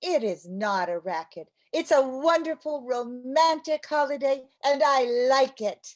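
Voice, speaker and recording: In an old-time radio comedy, a woman plays a playful, mushy housewife with a coaxing, theatrical delivery, sounding wounded and romantic. Her voice sits high and she speaks a little slowly.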